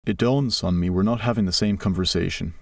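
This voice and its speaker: Gravelly deep-voiced male audiobook narrator. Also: brisk, no echo, clean studio sound, far from the mic. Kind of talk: first-person audiobook narration.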